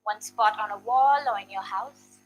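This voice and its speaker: A woman's voice: mid-range voice, normal speed, highs cut off, slight background noise. A woman teaching a guided yoga class, counting reps and checking in often, a little out of breath. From India.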